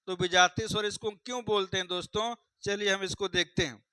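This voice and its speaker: A man's voice: sits high, fairly even intonation, fairly quick, pushed and bright, smooth, no room sound, low-quality recording. A man teaching a grammar lesson for exam students, repeating each point and putting questions to his viewers. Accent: Hindi. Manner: repeats points, quizzes viewers, addresses them as friends.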